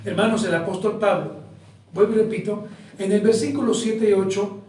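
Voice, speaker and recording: A man's voice: high voice, fairly even intonation, moderate pace, dark tone. A male pastor preaching an expository sermon in a church, often addressing the congregation directly and posing rhetorical questions. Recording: very echoey church hall, mic far off.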